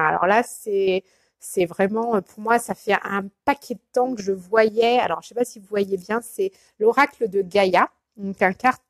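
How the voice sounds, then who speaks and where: A woman's voice: a little high, dry recording. A woman coach chatting casually in a live video, hesitant and full of fillers and restarts, greeting viewers by name. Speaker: life coach.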